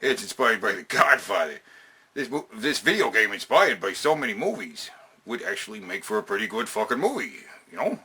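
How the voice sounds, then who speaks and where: With a medium-pitched voice that swings widely in pitch, a man runs a casual video game and movie countdown at a brisk clip, sounding pushed and bright. He's opinionated and emphatic, swearing in slang and repeating phrases to drive his points in.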